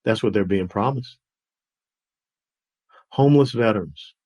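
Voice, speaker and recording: A man's voice: fairly low pitch, measured pace, a little mellow. A man hosting political commentary, talking in a folksy, joking way with mocking asides. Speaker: host and executive director.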